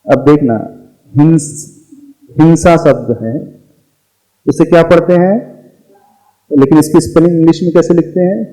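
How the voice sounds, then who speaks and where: A man's voice: on the high side, steady tone, mellow. A man teaching the pronunciation of Sanskrit verses, patiently asking his listeners questions as he goes. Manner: slow, patient teacher who quizzes listeners. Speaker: Jain monk teaching recitation. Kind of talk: pronunciation lesson.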